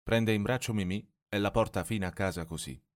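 A man reading a children's story aloud in a soft, expressive way. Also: fairly low pitch, brisk.

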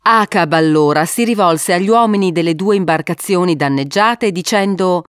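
A woman narrating an adventure storybook in a measured, expressive reading. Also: on the low side, smooth, no room sound, studio quality.

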